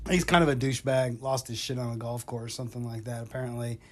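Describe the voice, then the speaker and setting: A man's voice: medium pitch, steady tone, quick pace. A middle-aged man telling rambling, profane stories to his son in casual chat, recorded on a phone at home. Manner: profane, rambling, laughs often. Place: home in North Georgia. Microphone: iPhone.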